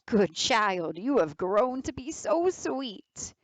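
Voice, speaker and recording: A woman's voice: a little high, very animated, slow pace, no echo, voice pushed up. A woman voicing a cunning old wolf who poses as a frail grandmother, coaxing and sly. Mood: sweetly deceitful.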